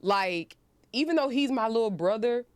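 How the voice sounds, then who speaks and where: A woman's voice: on the high side, expressive, normal speed, clear, resonant tone, no room sound. A woman on a discussion panel, speaking bluntly and casually, with lots of "like" and "you know".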